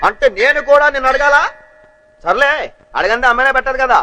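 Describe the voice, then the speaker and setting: A man's voice: very high-pitched, fast talker, bright, forceful tone, heavily acted. An actor playing a chatty, cheeky young man who pleads for a chance in films, in feature film dialogue. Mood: cheeky pleading. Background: film music.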